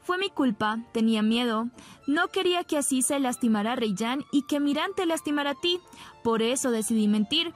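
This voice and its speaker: A woman's voice: high voice, animated, normal speed, soft background music. A woman reading the lines of an anxious mother who pleads and apologizes. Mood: pleading.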